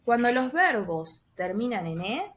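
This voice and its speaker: A woman teacher explaining a grammar exercise step by step, patiently, with frequent soft checks for understanding and slowly spelled-out examples. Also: on the high side, very animated, a little hiss or hum. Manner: spells out letters and stretches example sentences. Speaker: English teacher. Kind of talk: recorded class explanation.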